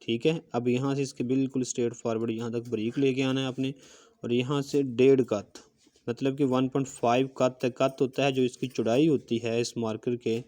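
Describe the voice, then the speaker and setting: Man, handwriting teacher, mellow warm tone, patient step-by-step explanation, demonstrating strokes as he talks. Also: medium pitch, flat delivery, normal speed. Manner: patient step-by-step explaining, often checking in with "okay". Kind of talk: recorded calligraphy lesson.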